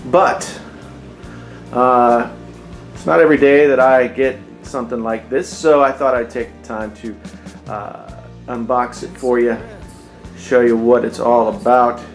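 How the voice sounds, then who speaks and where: A man's voice: mid-range voice, steady tone, a little slow. A man in his forties talking casually in a wry, chatty way, speaking straight to his viewers in an unboxing vlog. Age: 40s. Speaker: tech YouTuber host. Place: home room. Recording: roomy echo with faint music.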